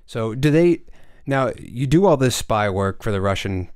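A man hosting a podcast, interviewing with deadpan mock seriousness and lots of hesitant fillers. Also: medium pitch, a little slow, clear, resonant tone, no echo, clean studio sound. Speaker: podcast host. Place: studio.

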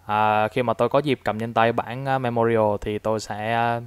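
A man's voice: medium pitch, fairly even intonation, moderate pace, very noisy. A man from Vietnam casually reviewing a toy, explaining it step by step with frequent fillers.

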